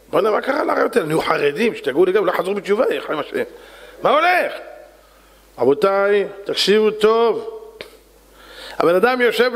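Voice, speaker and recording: A man's voice: high-pitched, long reverb tail. A man, a rabbi, telling a story in a sermon and acting out its characters in voices. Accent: Israeli Hebrew.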